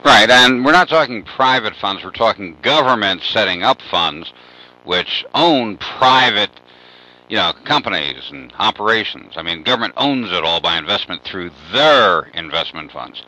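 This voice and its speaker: Male radio guest, lowish bright voice, meandering storyteller with constant fillers. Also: lively intonation, normal speed, poor audio. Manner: rambling, many "you know" fillers. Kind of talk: radio talk show interview.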